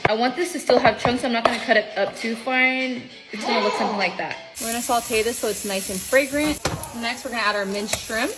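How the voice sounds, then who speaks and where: A young woman chatting through a casual food vlog, quick and joking as she cooks in her home kitchen on a phone. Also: fairly high pitch. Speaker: food vlogger.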